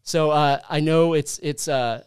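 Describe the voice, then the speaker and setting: A Southern Californian man hosts a faith-based podcast interview from a university studio, keeping things friendly and chatty with fillers and easy laughter. His voice is fairly high yet darkish and smooth, and he speaks a little slowly.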